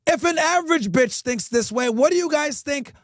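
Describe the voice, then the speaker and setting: High-voiced man ranting with profanity. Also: expressive, moderate pace, no room sound, studio quality. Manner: crude, profane, preachy; addresses chat directly. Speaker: podcast host. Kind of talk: ranting commentary.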